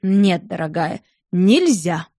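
Woman reads steady husband, gently condescending, low, dry close audiobook sound. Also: slow pace, no room sound, heavily acted. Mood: coaxing, firm. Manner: soothing, firm, gently condescending. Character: calm, firm husband, patient but unbending. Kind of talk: audiobook character voice.

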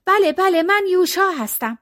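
A woman's voice: very high-pitched, expressive, fairly bright tone, pitched above the performer's own voice. Lalita, a woman playing an insistent young girl. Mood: emotional. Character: young girl Lalita, proud then remorseful.

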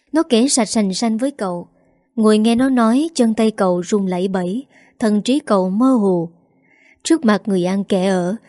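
A woman storyteller reading a long tale aloud in scripted narration, steady and emotive. Her voice is mellow and warm, and the recording is dry and close with no room sound. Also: mid-range voice, dry recording.

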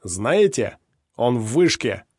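A man voicing a furious scarred male mercenary, shouting defiantly at a crowd in an audiobook. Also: mid-range voice, fairly quick, no room sound, studio quality, close to an everyday voice.

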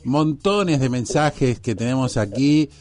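A radio host with an Argentine accent speaks at an ordinary middle pitch. He is effusive and stretches out his phrases as he thanks and prods his guest. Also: expressive, slow, darkish tone. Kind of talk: radio interview.

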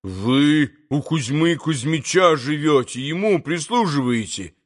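A man's voice: on the high side, lively intonation, a little slow. A man voicing a desperate, hot-tempered young man with urgent outbursts, in a storybook reading. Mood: agitated.

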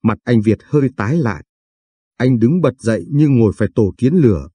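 A man calmly narrating a story in a measured reading voice. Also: mid-range voice, breathy edge, no room sound.

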